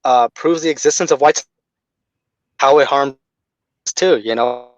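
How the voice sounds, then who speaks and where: A man's voice: mid-range voice, a little slow, no echo. A man on a video call that keeps breaking up, joining a casual group discussion and building on what others say. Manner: agreeable, builds on others' points. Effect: video call audio that breaks up. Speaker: panel guest. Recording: dull, dry video call audio.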